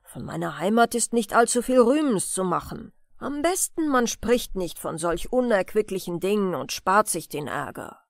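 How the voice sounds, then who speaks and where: Woman reading as a gentle donkey, storybook, wistful and courteous, lively melody. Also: medium pitch, normal speed, gravelly, no room sound, studio quality. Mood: glum. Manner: wistful, polite, slightly self-pitying. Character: homesick gentle male donkey.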